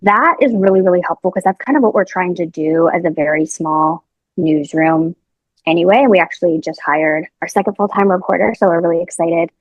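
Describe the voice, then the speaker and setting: A young adult woman, a reporter appearing as a podcast guest, answers questions in a chatty, casual interview full of fillers and restarts. Her voice is on the low side and a little fast. The recording has no echo but sounds muffled.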